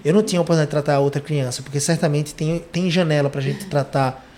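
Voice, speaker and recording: Fast-talking animated male podcast host. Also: fairly high pitch, slight background noise. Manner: animated storytelling, lively emphasis. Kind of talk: casual conversational podcast.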